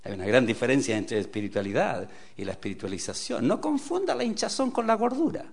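A man preaching a sermon, with rhetorical questions to the audience and a delivery that swings from loud exclamations to quiet asides. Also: mid-range voice, sing-song, fast, vocal fry. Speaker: pastor.

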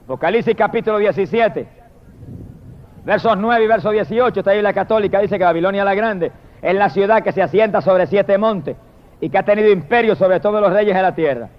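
High-voiced fiery male preacher, lo-fi. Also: fairly quick. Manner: dramatic, shifts between shouted hallelujahs and low murmured praise. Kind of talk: fiery sermon. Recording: dull lo-fi recording.

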